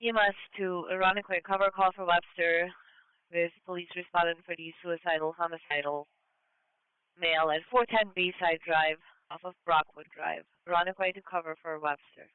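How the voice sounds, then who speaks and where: A man's voice: high voice, fairly even intonation, moderate pace, clear, resonant tone, no room sound. A man working as an emergency dispatcher, repeating addresses in police radio style over a two-way radio. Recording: narrow, tinny scanner radio audio.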